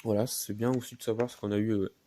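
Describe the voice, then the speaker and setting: A man presenting his new model cars in a casual vlog, halting and filling pauses often. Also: lowish voice, flat delivery, mellow, no room sound. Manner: halting, many fillers and "voilà". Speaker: diecast collector vlogger. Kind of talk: casual show-and-tell vlog.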